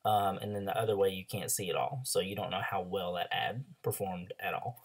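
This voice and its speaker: A young man, hoarse after a throat illness, coaches online ads through a screen-share tutorial. His manner is loose and chatty, peppered with ums and likes. His voice sits low and he talks fairly quickly.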